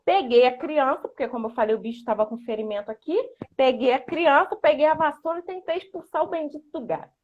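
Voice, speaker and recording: A woman with a high voice explains early childhood learning in a lively, talkative way, often tagging sentences with a questioning "né". Her audio sounds dull and muffled, as if it came through a video call. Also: fast. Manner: animated, lots of "né". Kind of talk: conversational explanation and storytelling.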